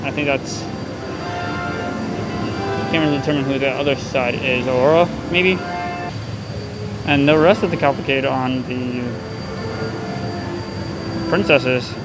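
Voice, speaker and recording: A man's voice: mid-range voice, measured pace, long pauses, poor audio. A man narrating a casual walk-around theme park vlog. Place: theme park, rides and queues. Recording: music playing clearly in background.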